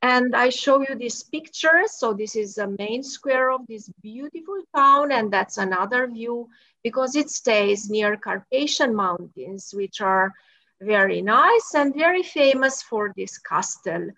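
A Romanian woman, an experimental physicist, gives a friendly, explanatory talk over slides from her office one evening, adding wry asides. Her voice is on the high side, animated, unhurried, pushed and bright, with no echo, though the video call audio sounds dull and lo-fi.

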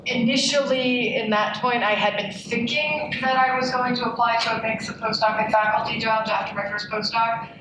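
A woman's voice: on the high side, fairly even intonation, moderate pace, hardly any pauses. A woman postdoc on a panel, giving casual career advice with many "um"s and "like"s. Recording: echoey room, distant mic, noisy.

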